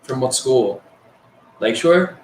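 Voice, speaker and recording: A man's voice: mid-range voice, expressive, takes it slowly, echoey room, slight background noise, poor audio. A teenage male telling crude, rambling stories about school, heavy on swearing and filler words. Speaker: storyteller. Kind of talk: casual storytelling.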